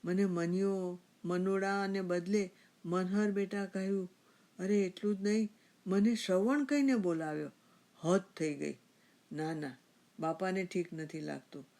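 Woman narrator playing a worried adult son: loud, exasperated calling. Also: on the low side, fairly even intonation, a little slow. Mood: agitated. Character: grown son, agitated and fretful.

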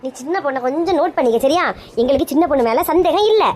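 A woman's voice: high voice, expressive, quick pace, heavy background noise. A woman with a Kanyakumari Tamil accent playing a bossy, protective elder sister in a comedy skit, scolding and urgent.

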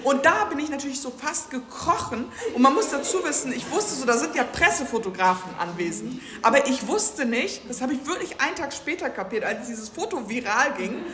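A woman speaking as a guest at a public talk, telling an animated, slangy anecdote and acting out the dialogue. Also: high voice, a little fast, few pauses, a crowd in the background. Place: museum event space. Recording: roomy hall sound.

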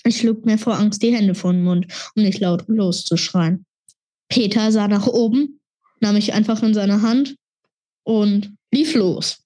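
A woman reading a children's fantasy novel aloud in a steady, expressive storytelling manner. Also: medium pitch, measured pace. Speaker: reader.

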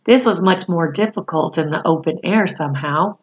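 This is a woman in her forties with a lowish voice, reading a storybook to children in a small room at home, captured on a muffled recording. She reads slowly, pausing phrase by phrase, and slips in explanatory asides.

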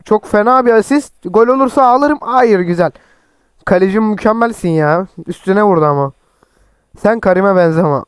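A young man with a sore, cracking throat, chattily commenting on his own football game and yelling at his players. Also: high-pitched, moderate pace, smooth, no room sound. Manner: chatty, teasing, shouts at players. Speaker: mobile football gameplay streamer. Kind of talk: excited gameplay commentary.

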